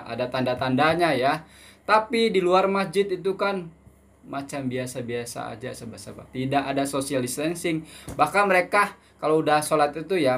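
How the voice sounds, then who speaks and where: A man's voice: medium pitch, a bit bright. A man in his twenties from Indonesia, hosting a casual Q&A vlog, reading viewer questions aloud and answering them in a chatty way, often ending phrases with "ya" and mixing in Malaysian words and English terms. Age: 20s.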